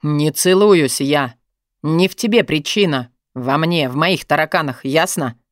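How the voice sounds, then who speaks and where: A possessive young lover with a low, husky murmur, as a woman reader puts him on. He presses each line with brooding intensity in a dry, close audiobook recording. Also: measured pace, no room sound. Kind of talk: audiobook narration.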